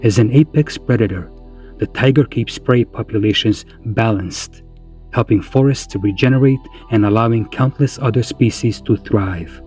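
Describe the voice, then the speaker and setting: A man narrating a scripted wildlife documentary in a measured, solemn way with deliberate phrasing. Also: on the low side, darkish tone, soft background music.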